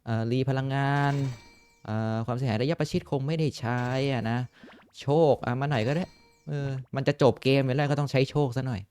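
A young man giving casual gameplay commentary, excitable and swearing often, with frequent exclamations. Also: medium pitch, brisk, a little hiss or hum. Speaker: gaming YouTuber.

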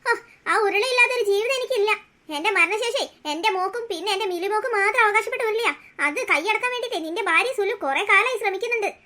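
A voice actor playing a hot-tempered, possessive old grandmother in a cartoon story, who scolds and threatens quickly. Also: very high voice, pushed and bright. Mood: tearful.

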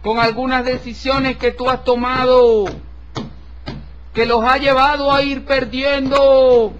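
A man with a very high voice reads out a tarot horoscope, solemn and formal, speaking to the listener with deliberate respect. The recording is dull and lo-fi with a faint hiss underneath. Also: a bit bright. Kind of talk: horoscope reading over tarot cards.

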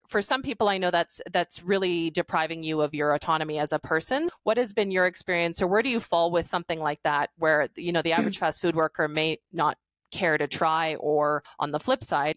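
A woman's voice: fairly low pitch, no room sound, clean studio sound. A woman hosting an interview, asking earnest, considered questions. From Canada. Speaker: host. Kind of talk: conversational interview.

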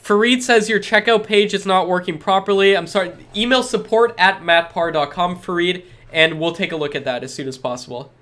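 This young man talks briskly and brightly in a high voice, barely pausing as he reads chat questions on a live stream. He has a stuffed-up cold and sits in a small room with a lit backdrop, answering with upbeat, repetitive, salesy reassurances.

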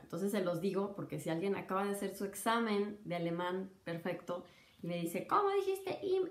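A woman doctor with a Mexican Spanish accent talks through a lesson in a relaxed, chatty way, throwing in asides and examples. Her voice sits a little low. The room around her has a noticeable echo. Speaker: doctor teaching medical German. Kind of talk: casual spoken lesson.

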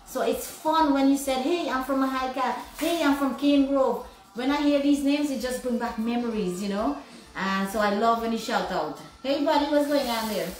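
Talk as a woman hosting a live cooking stream from your kitchen. Keep it chatty and a touch high, and let the room ring a little around you. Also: moderate pace. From Guyana. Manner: chatty, greets viewers by place. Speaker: cooking vlog host. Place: home kitchen. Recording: roomy kitchen echo.

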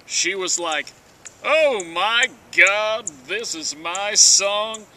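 Hammy high-voiced man reciting, slow and theatrical. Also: sharp tone. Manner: hammy stage-actor delivery, slow drawn-out theatrical pauses. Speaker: performer of comic dramatic readings. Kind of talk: dramatic reading of song lyrics. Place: outdoors at the edge of woods. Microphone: camera mic from a few metres away. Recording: distant camera mic, wind noise.

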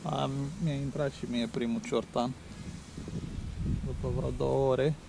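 A man's voice: mid-range voice, gravelly. A middle-aged man chatting casually while fishing on a lakeshore, recorded on an action camera. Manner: chatty, excited exclamations when landing fish. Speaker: angler filming his fishing session. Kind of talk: casual outdoor commentary. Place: lakeshore outdoors, windy. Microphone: action camera on the bank. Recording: loud wind noise outdoors.

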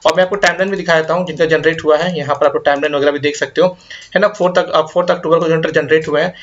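A young man rattles through viewer updates at high speed, his voice pitched a little above the usual. He slips between Hindi and English and keeps checking in with his audience, and the recording sounds slightly dull and lo-fi. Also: fairly even intonation. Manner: rapid Hindi-English mix, reassuring, repeats "ठीक है". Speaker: career guidance YouTuber. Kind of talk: casual update video reading viewer comments.

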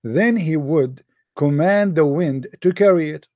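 Man, sarcastic deadpan commentary, high voice, dry close sound. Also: unhurried, no echo. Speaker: host. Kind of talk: sarcastic commentary over a text.

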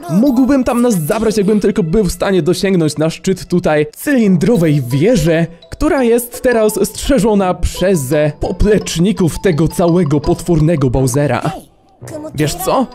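A man's voice: sits high, mellow, pitched above the performer's own voice. A man voicing a timid young male hat spirit, speaking in a raised, eager, pleading voice as he tells his story. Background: game music.

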